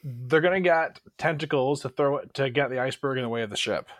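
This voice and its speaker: A man's voice: medium pitch, quick pace, no room sound. A man chatting casually as he comments on a film with friends.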